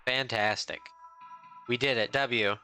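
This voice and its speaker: A man's voice: medium pitch, fairly even intonation, slow pace, pushed and bright, clear, resonant tone, faint music behind. Man with choppy, gated word endings. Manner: rambling, trails off into restarts. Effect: noise gate chopping off word endings. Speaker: game streamer. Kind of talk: casual live-stream chat.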